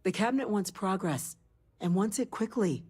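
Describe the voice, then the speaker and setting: A woman's voice: mid-range voice, expressive, normal speed, a little mellow, breathy edge. An actress voicing a female government official in a video game, speaking in a formal, official manner.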